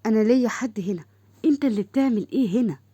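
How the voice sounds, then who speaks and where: A woman voicing a serious, earnest young woman officer who speaks softly and quickly. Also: a little high, breathy edge, no echo, muffled recording. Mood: guarded. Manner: earnest, soft-spoken.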